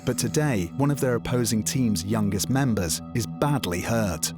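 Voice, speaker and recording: A man's voice: lowish voice, expressive, moderate pace. A man reading scripted narration for a documentary. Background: background music.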